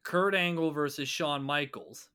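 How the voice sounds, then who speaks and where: A man's voice: fairly high pitch, measured pace, sharp tone, clear, resonant tone. A man, co-hosting a casual podcast chat and talking animatedly, swearing and bragging about his trivia. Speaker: podcast co-host.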